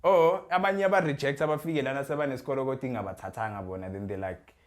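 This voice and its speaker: A man's voice: medium pitch, rapid-fire. A young man with a South African accent co-hosting a youth podcast, talking casually, repeating words and mixing English with Zulu. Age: young adult. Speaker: podcast co-host. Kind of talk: casual chat.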